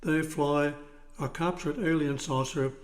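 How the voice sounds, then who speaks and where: A man in his nineties slowly reading a prepared film summary in short, halting phrases. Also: fairly high pitch, fairly even intonation. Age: 90s. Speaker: guest summarizing a film plot.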